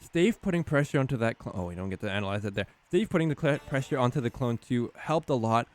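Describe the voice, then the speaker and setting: Excitable male esports caster. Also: quick pace. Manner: excitable, rising in pitch and volume at key plays. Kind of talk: live esports play-by-play commentary.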